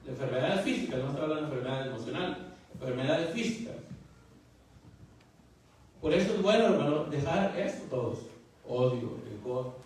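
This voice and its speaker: This preacher's fairly high, darkish voice moves with lively intonation at a moderate pace, broken by long pauses. His Spanish sermon is casual and folksy, sprinkled with repeated asides like "¿verdad?" and "hermano" and restarted words, heard from far off in an echoey church sanctuary with slight background noise.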